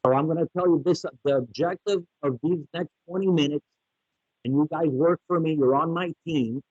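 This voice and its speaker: A man's voice: a little high, normal speed, no echo. A man giving a hazmat webinar briefing over a computer microphone, his audio cutting out, speaking plainly with frequent restarts. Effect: audio keeps cutting out. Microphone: computer microphone on a video call. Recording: dull, dropping-out online call audio.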